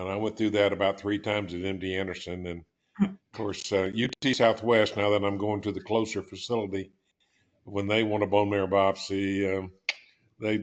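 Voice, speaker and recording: Older man with a low, halting voice. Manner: slow, halting, many fillers. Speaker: support group member. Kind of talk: casual storytelling. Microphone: video call.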